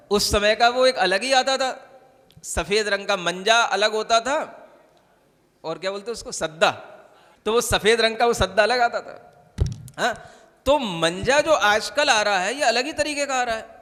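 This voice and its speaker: Male monk, high bright voice, chatty sermon, long hall reverb. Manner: conversational preaching, keeps asking "समझ आ रहा है?". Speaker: Jain monk.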